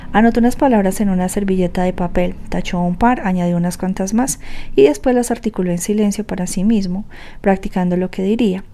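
Mellow woman reading a thriller. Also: medium pitch, fairly quick, a little hiss or hum. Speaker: audiobook narrator. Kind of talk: scripted narration.

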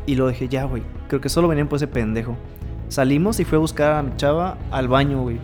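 A man's voice: mid-range voice, fast, darkish tone, faint music behind. A man with a Mexican accent in casual chat, telling a story vividly and acting out voices and sound effects. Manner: vivid storyteller who acts out quotes and sounds. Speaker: co-host telling a party story.

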